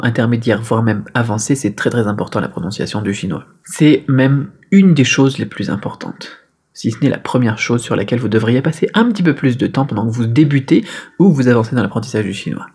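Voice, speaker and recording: Man, husky voice, medium pitch, chatty vlog, camera-top mic. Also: animated, brisk, a little mellow. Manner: chatty, with frequent fillers and self-corrections. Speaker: vlogger and Chinese teacher. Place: apartment during a power cut. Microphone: camera-mounted shotgun mic.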